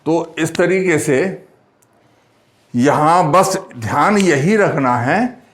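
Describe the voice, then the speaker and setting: A man teaching Hindi grammar in a slow classroom explanation, repeating words and spelling out their sounds. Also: on the high side, animated.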